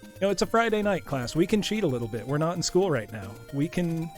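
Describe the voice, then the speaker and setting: A streamer playing a retro game live chats casually with viewers he calls his class, while game music plays. His voice is on the high side, animated and brisk, though it sounds congested and tired.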